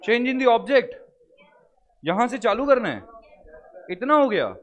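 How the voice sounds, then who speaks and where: A man teaching law to a live class, joking with students and slowly drawing out the wording of legal text. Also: extremely high pitch, big pitch swings. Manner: playful, joking with students, drawls words slowly when reading. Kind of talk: classroom lecture, Hindi mixed with English. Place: recorded classroom studio.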